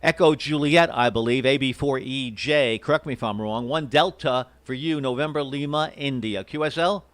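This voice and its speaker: A man's voice: mid-range voice, moderate pace, few pauses, fairly bright tone, no room sound. A courteous, hesitant man operating an amateur radio station, spelling out call signs in phonetics.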